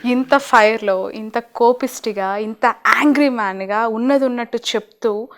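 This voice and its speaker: A woman's voice: on the high side, moderate pace. Woman interviewer with a raised voice. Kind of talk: interview questions.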